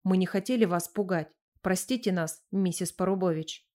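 A woman reading an audiobook voices a cautious, polite man who speaks hesitantly and quietly. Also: fairly low pitch, moderate pace, natural voice.

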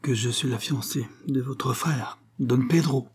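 A man's voice: lowish voice, fairly even intonation, a little slow, warm tone. A man voicing a proud young Spanish noblewoman who speaks haughtily and indignantly.

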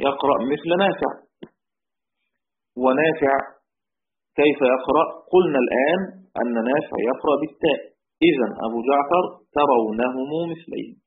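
Egyptian man teaching over a tinny line. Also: medium pitch. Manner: slowly chants quoted verse lines, repeating key words. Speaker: Quran recitation teacher. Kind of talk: lecture on Quran readings. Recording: tinny phone-like recording.

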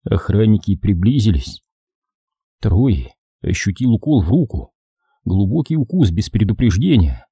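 A man reading an audiobook as narrator, in a steady, measured voice. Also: lowish voice, husky, dry recording, clean studio sound. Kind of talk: scripted narration.

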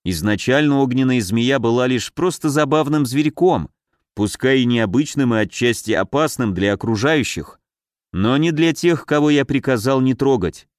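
Male audiobook narrator, mid pitch, dry close sound, steady reading. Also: moderate pace, dry recording. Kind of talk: scripted fantasy narration.

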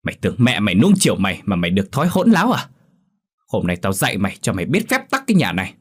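A man voicing a hot-tempered drunken father who scolds his daughter in rapid anger, in a spoken horror story. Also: mid-range voice, animated, husky. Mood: furious. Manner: fast, furious scolding.

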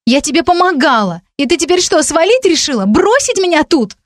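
A woman voicing Vika, an indignant, bossy teenage witch girl who scolds in a high, shrill voice. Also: sing-song, brisk, no room sound, clean studio sound. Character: sharp-tongued young witch girl, purple-haired, bossy.

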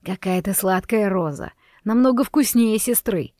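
Woman reader doing a menacing mobster groom for an audiobook, mocking and threatening, middle pitch, dry close sound. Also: unhurried, a little mellow, no room sound, lightly acted. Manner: taunting, sinister.

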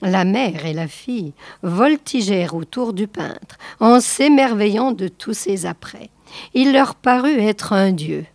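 A woman reading a classic novel aloud in a measured literary style, sometimes softly breathy. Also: medium pitch, lively intonation, dry recording. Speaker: audiobook reader.

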